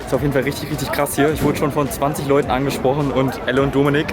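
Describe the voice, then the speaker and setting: A man vlogging his travels outdoors in a city, upbeat and excited, piling on intensifiers as he talks to his camera. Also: medium pitch, racing, reverberant, over loud music. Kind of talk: casual travel vlog.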